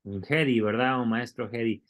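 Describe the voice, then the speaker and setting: A man's voice: medium pitch, normal speed. A man teaching a Bible Greek class, explaining step by step and asking the students questions. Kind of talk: classroom lecture.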